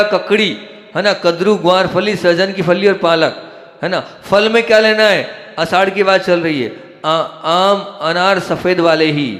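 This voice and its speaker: A man's voice: a little high, fairly bright tone. Man lecturing in an echoey hall. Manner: rapid list-giving, emphatic warnings. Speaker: spiritual lecturer. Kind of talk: devotional discourse on diet.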